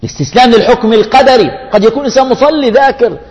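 A man's voice: very high-pitched, lively intonation, racing, darkish tone, dull audio. A man preaching a sermon, speaking earnestly to his brothers in faith and posing rhetorical questions between stories. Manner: earnest, addresses the congregation with rhetorical questions and anecdotes. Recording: long hall reverb.

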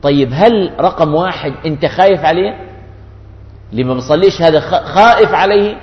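A man preaching, earnest and pleading. His voice sits fairly high and carries through a long, echoing hall. The recording is dull and lo-fi. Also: fairly quick. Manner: earnest, shifts between colloquial dialect and classical Arabic. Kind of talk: sermon. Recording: echoey hall, dull lo-fi sound.

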